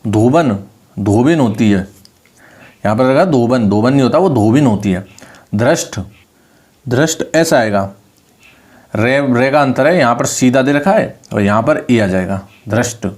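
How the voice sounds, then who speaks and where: A Hindi exam tutor with a Rajasthani accent teaches spelling online in a middle-pitched, darkish voice. He is animated but a little slow, pausing often, and repeats each word many times, raising his voice on the correct spelling.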